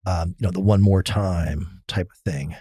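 A man's voice: low-pitched, normal speed, dark tone, slightly rough, no echo. A middle-aged man telling a long self-mocking story in a casual interview, with many fillers. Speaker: risk consultant guest.

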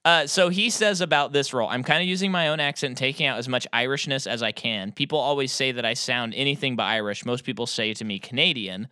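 A podcast co-host with a sharp, mid-range voice offers opinionated movie takes in casual chat, quick to joke about his own hot takes. The recording is dry and studio quality.

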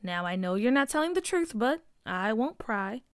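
A woman voicing a gentle, caring mother. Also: fairly high pitch, sing-song, normal speed, no room sound, studio quality.

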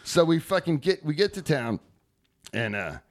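A man's voice: a little high, very animated, normal speed. A man telling a profane, rambling story in casual chat, slipping into voices for the people in it.

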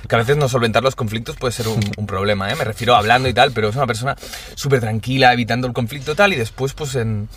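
A man's voice: medium pitch, quick pace, few pauses, fairly bright tone, slight background noise. A young man with an accent from Spain, chatting as a podcast co-host. He muses and explains at length in an easy, mid-range voice. Faint clicks sit underneath. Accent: Spanish from Spain. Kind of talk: casual chat.

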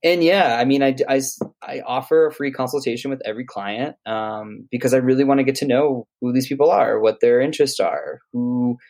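A man's voice: mid-range voice, fairly quick, few pauses, darkish tone. A man, a private chef, chatting casually and at length about food with enthusiasm. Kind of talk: casual conversation.

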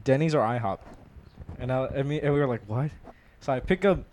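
A man's voice: medium pitch, animated, fast, a little mellow, slight background noise. A young man co-hosting a podcast with casual, slangy, joking banter. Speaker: podcast co-host.

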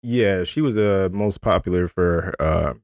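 Low-voiced man hosting a loose chat. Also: unhurried, a crowd in the background. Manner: loose, profane, laughs a lot. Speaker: podcast host. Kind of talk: casual chat.

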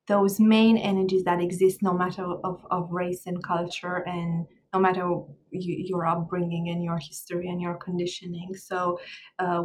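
A woman from Romania, a psychologist answering interview questions thoughtfully, pausing to find her words. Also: fairly low pitch, slight background noise. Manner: thoughtful, searching for words, explanatory. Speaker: guest, psychologist and astrologer.

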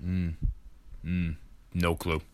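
A man taking his turn in a casual trivia quiz, hesitant and thinking out loud. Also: sits low, level tone, drawn-out words. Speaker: trivia contestant.

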